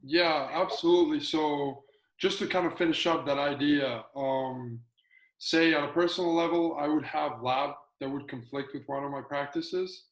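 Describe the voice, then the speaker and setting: A man's voice: fairly high pitch, steady tone, moderate pace. A young man from Colombia, a student athlete talking eagerly over a video call, with lots of fillers and restarts. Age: young adult. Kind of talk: casual video-call chat. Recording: roomy video call audio.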